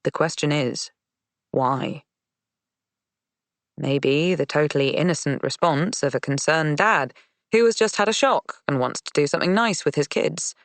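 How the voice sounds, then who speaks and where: Measured male audiobook narrator, dry sound. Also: fairly high pitch, fairly bright tone, no echo. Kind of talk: scripted narration.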